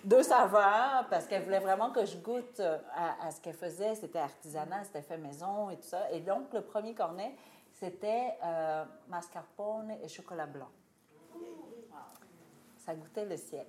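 A woman telling a lively anecdote to an audience, laughing often and acting out what people said. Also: fairly low pitch, moderate pace. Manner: animated storytelling, laughing often, acts out quoted lines. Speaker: guest author telling a story. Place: live talk venue. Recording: roomy live venue, faint ambience.

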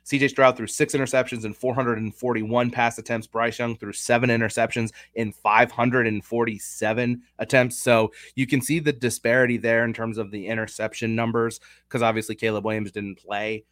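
A man's voice: mid-range voice, little pitch movement, fairly quick, hardly any pauses, a bit bright, dry recording, studio quality. A young man hosting a casual sports betting chat, talking through stats and odds analytically. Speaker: sports betting podcast host.

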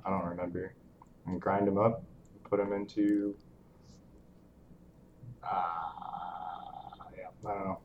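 A man who speaks as a podcast guest, slowly and hesitantly, often trailing off. His low voice comes through dull, lo-fi audio with a faint hiss. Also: flat delivery, creaky. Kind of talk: casual chat.

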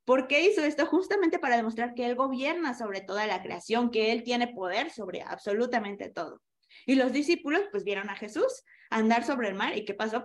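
A woman's voice: on the high side, a bit bright. A woman leading an online women's Bible study, teaching with animation and asking her listeners questions over a video call.

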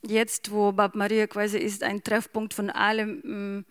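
A woman from Ukraine speaking German, soft-spoken and hesitant, pausing often with fillers as an interview guest. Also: medium pitch, monotone, smooth, no echo, studio quality. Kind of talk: slow emotional reading and halting answers.

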